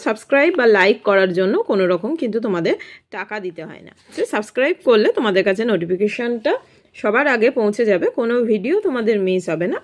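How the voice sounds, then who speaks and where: A woman teaching a grammar lesson online, explaining step by step and asking the students questions. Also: a little high.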